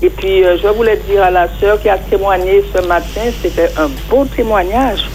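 A woman's voice: medium pitch, moderate pace, music in the background. Woman calling in by phone. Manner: fervent, piles up blessings and greetings. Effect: heard over a phone line on air. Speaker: radio show caller.

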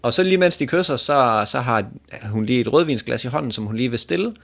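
A man's voice: medium pitch, animated, creaky, fairly bright tone. A man casually retelling an embarrassing date story to a co-host, joking crudely and laughing along. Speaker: podcast host.

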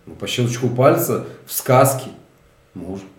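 A male host in a relaxed, chatty studio conversation, agreeable and easygoing. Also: medium pitch, a little slow, roomy sound. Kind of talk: casual studio chat.

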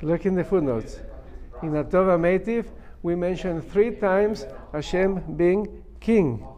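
A man's voice: high voice, takes it slowly, dark tone, highs cut off. A man teaching a religious class as a rabbi, emphatically reading and translating a text phrase by phrase and explaining it step by step.

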